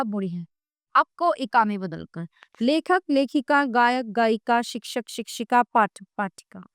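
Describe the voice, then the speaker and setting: A woman reading a textbook grammar lesson aloud, slowly listing example words one at a time with clear pauses. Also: fairly high pitch, pushed and bright, dry recording, studio quality. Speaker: grammar teacher.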